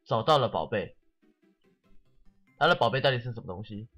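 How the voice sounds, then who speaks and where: A man's voice: medium pitch, animated, brisk, fairly bright tone, slightly rough, faint music behind. A man giving casual let's-play commentary, sarcastic and swearing often while mockingly reading the game's text aloud.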